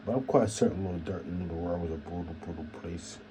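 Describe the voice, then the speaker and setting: A man riffs on his channel in a very dark, mellow voice that sits a little low. He rambles and repeats phrases, musing out loud and dropping quiet half-joking asides, with faint room ambience behind him. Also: fairly quick, a little hiss or hum, rough recording. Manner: repetitive, musing, keeps saying "imagine that". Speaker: channel host. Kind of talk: rambling solo commentary.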